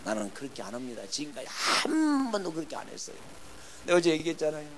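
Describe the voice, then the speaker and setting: A middle-aged man preaching a revival sermon in a church, swinging between loud bursts and hushed lines and acting out quarrels. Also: fairly high pitch, huge pitch swings, fast, a crowd in the background. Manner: emphatic, swings from shouting to near-whispers, acts out quarrels. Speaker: pastor. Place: church sanctuary.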